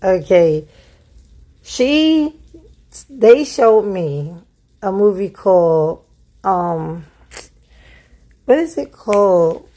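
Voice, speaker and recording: A young woman from New tells a personal storytime in loose, animated chat. She slips into the voices of the people she quotes and laughs at her own mistakes. Her voice sits at a middle pitch. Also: very slow, long pauses. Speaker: vlogger telling a life story. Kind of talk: casual storytime.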